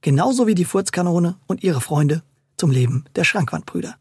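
A storyteller reading a scripted children's story in a lively, playful way. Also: medium pitch, moderate pace, breathy edge, no echo, studio quality.

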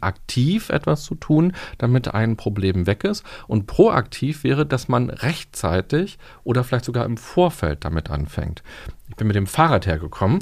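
A man, a resilience coach, talking casually in a podcast studio and explaining ideas through everyday examples, stressing key words slowly. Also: medium pitch, a little mellow.

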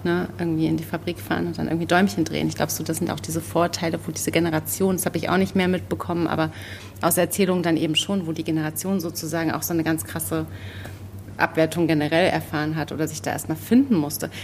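A woman from eastern Germany co-hosting a literary podcast, talking in an animated, emphatic way and often searching for words. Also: deep voice, fast talker, creaky, a little hiss or hum. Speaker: podcast co-host. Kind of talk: casual book discussion.

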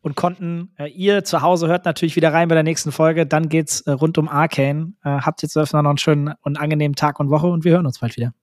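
A male podcast host closing the episode in a quick, friendly sign-off. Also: on the high side, fairly even intonation, no echo, studio quality.

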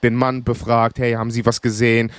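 A man of Greek background, co-hosting a podcast, telling a lively story in casual chat and acting out the other people's lines. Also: mid-range voice, brisk, clear, resonant tone, no echo. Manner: animated anecdote, acts out dialogue. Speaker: podcast co-host.

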